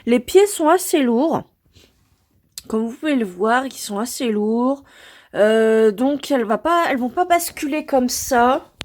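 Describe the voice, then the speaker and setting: A woman's voice: a little high, expressive, unhurried. A French woman in a casual vlog, showing her home craft room and hesitating often between thoughts. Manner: hesitant, lots of filler sounds. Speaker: vlogger.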